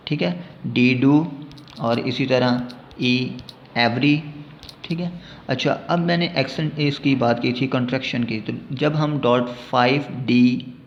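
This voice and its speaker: A man with a Pakistani Urdu accent teaching a braille lesson, explaining step by step and often checking in with a quick "okay". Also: medium pitch, creaky. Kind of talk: spoken lesson. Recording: dull lo-fi recording with faint noise.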